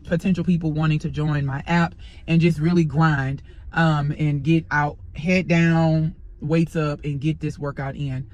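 A woman's voice: low voice, darkish tone. A woman in her thirties, a fitness vlogger, chatting to camera in an upbeat, motivational way from a phone at arm's length. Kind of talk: casual vlog talk to camera. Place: gym and parked car.

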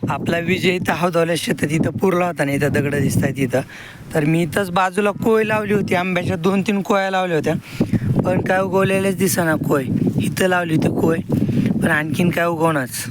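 A farmer talks casually to his phone camera out in the field, now and then calling out to his animals. His voice sits a little high for a man. Heavy outdoor noise runs underneath the whole recording. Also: steady tone, a little fast. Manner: chatty, calls out to animals. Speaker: farmer vlogger. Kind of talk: casual farm vlog narration. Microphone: phone held while filming. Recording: loud outdoor background noise.

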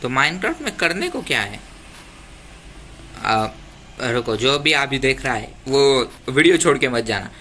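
A man's voice: medium pitch, sharp tone. A man giving casual, joking commentary while playing a game, talking to his viewers. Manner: chatty, joking, pleads with viewers. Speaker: gaming YouTuber. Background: faint ambient noise, passing traffic.

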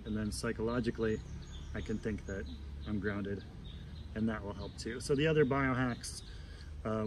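A breathwork and ice bath coach in his forties sits in an ice tub in an outdoor garden and casually explains things to the camera, like a coach would. His voice is lowish. The camera stands a couple of metres away, and the recording picks up outdoor noise and birdsong.

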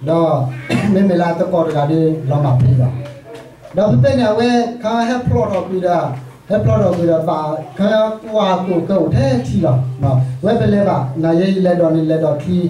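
A pastor delivers a sermon to his congregation in a loose, conversational style, speaking at normal speed with lively intonation. His voice is a bit high for a man but dark and soft-edged. The mic is far back in an echoey church hall.

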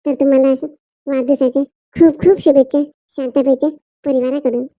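High-voiced Varhadi woman narrator. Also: fairly even intonation, quick pace, warm tone, no room sound. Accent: Varhadi Marathi. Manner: chatty, folksy village storytelling. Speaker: cartoon narrator and voice artist. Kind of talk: comic storytelling narration.

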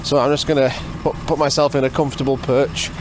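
A man's voice: mid-range voice, little pitch movement, fast, over music. A man in his forties talks straight into a camera held at arm's length, outdoors on a rural building site. His commentary is chatty and a little nervous as he waits to see how the work turns out. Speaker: vlog host. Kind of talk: casual on-site vlogging. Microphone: handheld action camera at arm's length.

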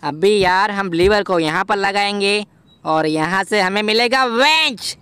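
A man voicing a hot-headed, brash young male game hero in a playful gameplay voiceover, bossy and quick to shout threats. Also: high-pitched, clear, resonant tone, no room sound.

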